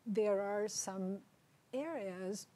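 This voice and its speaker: A woman's voice: medium pitch, drawn-out words, warm tone. An older woman from Chile whose first language is Spanish, giving a conversational academic presentation in a lecture hall and checking in with her listeners. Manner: conversational, checks in with "right?" and "okay?". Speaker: lecturer on bilingualism.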